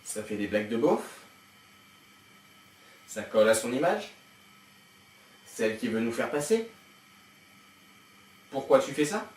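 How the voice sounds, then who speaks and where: A man's voice: medium pitch, big pitch swings. Sarcastic young man, distant and echoey. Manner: sarcastic, teasing, quick asides. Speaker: reaction youtuber. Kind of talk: mocking reaction commentary. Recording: echoey room, distant from the mic.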